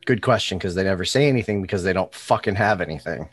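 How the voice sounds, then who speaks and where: A man's voice: low voice, animated, fast talker, slightly rough, soft background music. A man co-hosting a podcast, talking bluntly and swearing in casual chat. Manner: blunt and profane. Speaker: podcast co-host.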